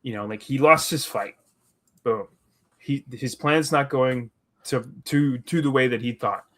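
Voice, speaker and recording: Male podcast co-host, casual and animated, rambling delivery. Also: medium pitch, measured pace. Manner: animated, rambling with restarts, acts out quotes. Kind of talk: casual recap chat.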